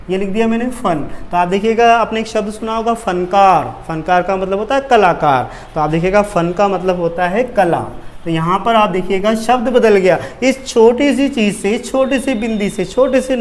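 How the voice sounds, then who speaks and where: A male teacher giving an exam-prep grammar lesson at a board, asking questions and answering them himself. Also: high-pitched.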